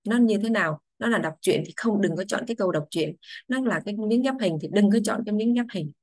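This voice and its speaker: A woman English teacher, patiently explaining grammar to children, saying English phrases slowly before translating them. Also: mid-range voice, a little mellow, no room sound.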